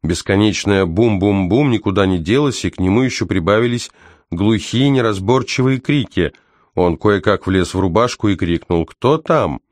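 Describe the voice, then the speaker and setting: A man with a low voice reads a story aloud in measured, tense narration. He slows down for the dramatic beats. The recording is dry and close, with no room sound. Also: no room sound. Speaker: audiobook narrator. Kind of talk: scripted narration.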